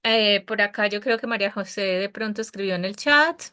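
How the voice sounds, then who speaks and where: A woman's voice: medium pitch, a little fast, pushed and bright, clear, resonant tone. A Spanish-speaking woman teaching an English class over a video call, patient and encouraging, explaining pronunciation step by step.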